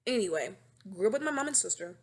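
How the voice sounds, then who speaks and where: A woman's voice: medium pitch, fast talker. A woman in her twenties hosting her own casual podcast, rambling and dramatic, recorded on a webcam microphone at home. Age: 20s. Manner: animated, rambling, dramatic and self-mocking. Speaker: podcast host. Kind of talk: casual chat.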